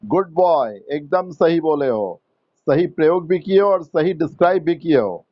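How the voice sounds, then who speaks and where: A man teaching English grammar to students, slow and patient, repeating words and quizzing the class. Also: a little high, lively intonation, no echo, highs cut off. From India. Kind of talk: Hindi-English grammar lesson.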